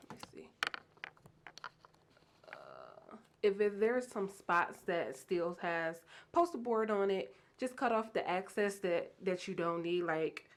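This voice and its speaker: A woman casually explaining a craft project step by step, chatty and excited about her materials. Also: on the low side. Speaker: craft tutorial host. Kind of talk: casual DIY how-to narration.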